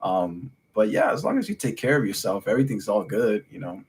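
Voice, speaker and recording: A man in his thirties, raised in New York City, talks loosely on a casual podcast. His pitch sits right in the middle for a man, and he wanders through thoughts with plenty of "like" and "you know." The delivery is easygoing and unscripted. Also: animated, brisk, a little mellow, breathy edge. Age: 30s. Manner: loose, rambling, heavy on fillers. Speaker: podcast co-host. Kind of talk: casual chat.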